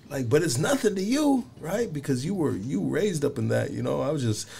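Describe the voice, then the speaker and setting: A man in his forties interviewing casually, halting and leaning on fillers and tag questions. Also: a little high, very animated, gravelly, mellow, slightly rough. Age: 40s.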